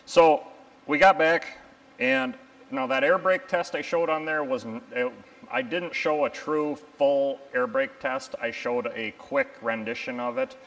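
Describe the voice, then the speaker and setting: A man's voice: fairly high pitch, very animated, measured pace, creaky, a bit bright, poor audio. A man in his thirties, a locomotive mechanic, explaining repair work in a casual technical way with frequent ums, recorded on a lapel mic in a machine shop. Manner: matter-of-fact, technical, with frequent ums and uhs.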